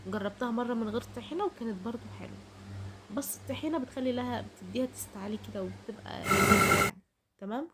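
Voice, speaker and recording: Slightly high in pitch and congested from a heavy cold, an Egyptian-accented woman narrates a recipe for her followers as a home cooking vlogger. Her tone is chatty and direct, with slight background noise behind her.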